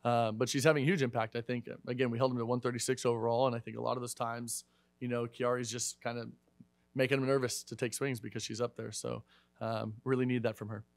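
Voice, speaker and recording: A man's voice: mid-range voice, level tone, creaky, dry recording. A man in his thirties, a head volleyball coach, answering questions at a post-match press conference in a casual, filler-heavy way. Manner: fast, conversational, many fillers and restarts. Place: media room in front of a sponsor backdrop. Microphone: desk microphone.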